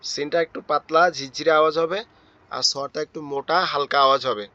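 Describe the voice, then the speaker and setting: A hoarse man, teaching an online tajweed class and slowly repeating letter sounds for his students. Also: fairly high pitch, sharp tone, no room sound. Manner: slow, repetitive drilling of letter sounds. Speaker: Quran teacher. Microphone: online class audio. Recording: dull lo-fi online class audio.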